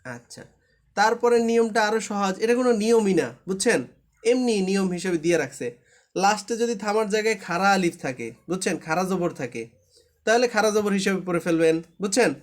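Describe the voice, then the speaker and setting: A man's voice: sits high, fast talker. A man teaching Quran recitation in a live online class, patient and repetitive, often checking that students understand.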